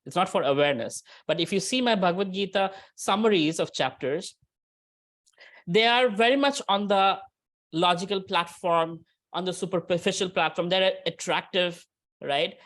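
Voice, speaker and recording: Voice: mid-range voice, moderate pace, a bit bright. A spiritual teacher giving an informal religious lecture and answering questions, conversational and often checking in with "right?". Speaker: spiritual teacher leading a scripture discussion.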